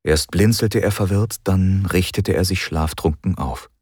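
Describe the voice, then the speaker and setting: A man reading an audiobook as narrator, in calm, measured storytelling. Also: low voice, husky, no room sound, clean studio sound. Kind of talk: scripted narration.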